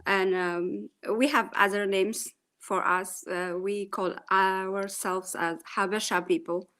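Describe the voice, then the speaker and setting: A woman in her thirties from Ethiopia with an Ethiopian accent, a guest speaking casually, hesitating with "um" and laughing softly. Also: mid-range voice, steady tone, slow, clean tone. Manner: warm, hesitant, frequent "um" and soft laughs. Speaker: guest, small business owner. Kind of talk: casual interview chat.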